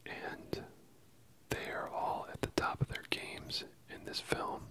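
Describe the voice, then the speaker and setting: Someone whispering softly and closely from ear to ear, giving a casual ASMR film review with hesitant pauses. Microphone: close stereo microphone, ear-to-ear panning.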